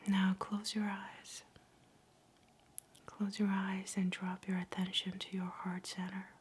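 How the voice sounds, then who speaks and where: A woman giving a whispered ASMR pep talk in a soft, breathy whisper, soothing, gentle and encouraging. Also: medium pitch, completely flat delivery, slow, slight background noise. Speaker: ASMR host.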